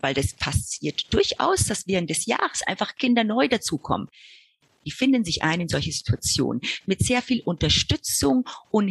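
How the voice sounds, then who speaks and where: A woman's voice: medium pitch, creaky, slightly rough, no echo. A middle-aged woman from Argentina, an early childhood educator, answering interview questions earnestly and explaining with examples.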